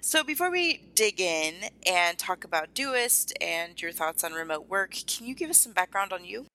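Bright, forceful woman podcast host. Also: fairly low pitch, sing-song, normal speed, slight background noise, low-quality recording. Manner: polished, presenterly. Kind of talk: podcast intro and interview questions.

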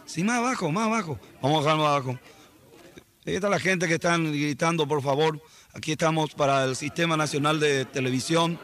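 A man's voice: fairly high pitch, fairly quick, a bit bright. Fussy man calling a press crowd to order. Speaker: press conference moderator in a comedy sketch. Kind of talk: comic mock press conference.

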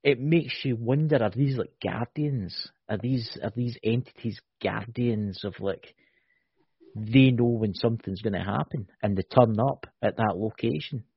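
A husky-toned man co-hosts a podcast in casual chat, animatedly floating one wild, speculative theory after another and repeatedly asking "right?" His medium-pitched voice moves at an unhurried pace and sounds dull and lo-fi. It's captured dry, with no echo or room around it.

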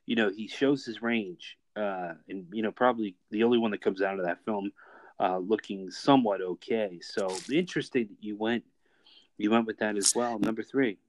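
Lower-voiced man, dry wisecracking co-host. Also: fairly even intonation, moderate pace, dry recording, poor audio. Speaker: podcast co-host. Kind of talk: casual film discussion chat.

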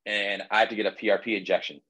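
A man's voice: on the low side, flat delivery, very fast, bright, forceful tone, rough recording. A man in his twenties, a podcast guest telling his story in a casual, rambling way, full of "like" and restarts. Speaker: podcast guest, baseball pitcher.

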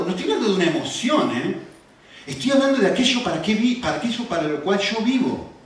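A middle-aged man with an Argentine accent preaching a sermon, telling stories and firing off rhetorical questions. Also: high-pitched. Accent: Argentine Spanish. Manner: animated storytelling with rhetorical questions. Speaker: pastor. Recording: echoey room, far from the mic.

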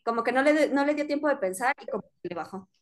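A woman's voice: high voice, animated, fast, a little mellow. A woman giving advice in a casual podcast chat, talking with many fillers and self-corrections.

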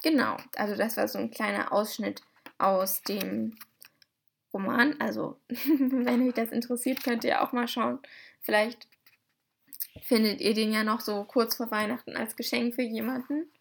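A woman podcast host reading a novel excerpt aloud, then chatting in a relaxed way with listeners. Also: fairly high pitch, unhurried, gravelly, slight background noise.

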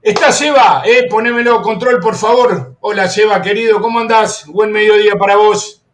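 Excitable high-pitched Argentine radio host. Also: male voice, normal speed. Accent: Argentine Spanish. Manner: animated, mocking, laughs often; gives orders to the control room. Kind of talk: excited sports talk.

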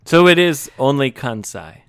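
A native English-speaking man co-hosting a casual chat, teasing his partner in slow, deliberate phrases. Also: mid-range voice, expressive, fairly bright tone, clear, resonant tone, no echo, studio quality. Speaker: podcast co-host.

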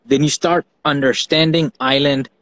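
A man's voice: a little high, steady tone, moderate pace, fairly bright tone, rough recording. A man from Fiji hosting a casual chat, rambling and repeating words as he talks, swearing now and then. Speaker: host.

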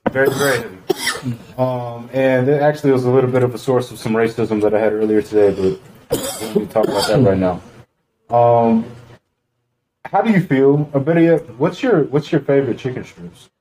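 A man's voice: mid-range voice, steady tone, moderate pace, dark tone, poor audio. A young man from Texas, hosting a casual chat and telling a rambling story, often laughing.

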